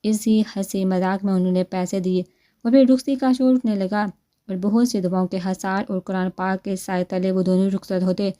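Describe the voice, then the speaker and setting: A woman narrating a romance novel aloud in a steady, expressive reading. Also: medium pitch. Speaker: audiobook narrator.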